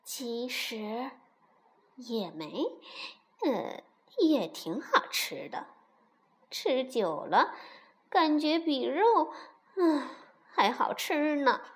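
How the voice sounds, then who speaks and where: A woman's voice: high voice, very animated, drawn-out words, pauses often, exaggerated voice. A woman voicing a hungry male fox in a storybook, stammering and flustered. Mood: wistful. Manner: stammering, sighing.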